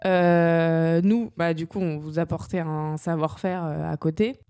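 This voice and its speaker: A woman's voice: low-pitched, fairly even intonation, a little slow, warm tone, clear, resonant tone. A woman from southern France co-hosting a podcast, talking casually in loose, slangy phrases. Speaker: podcast co-host and agency co-founder.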